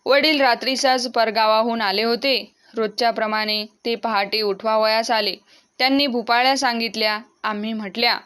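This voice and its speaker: A woman reading a classic novel aloud as audiobook narration, steady and expressive. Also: on the high side, moderate pace, clear, resonant tone.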